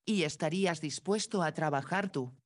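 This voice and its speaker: Woman reading as a calm, patient male teacher. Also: low-pitched, normal speed, no echo, studio quality. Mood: earnest.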